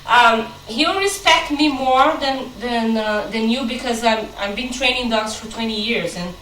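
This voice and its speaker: Woman dog trainer, patient and clear, slightly high voice, recorded echoey from a distance. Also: unhurried, a bit bright, a little hiss or hum. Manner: patient explaining, firm short commands to a dog. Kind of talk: instructional chat during training.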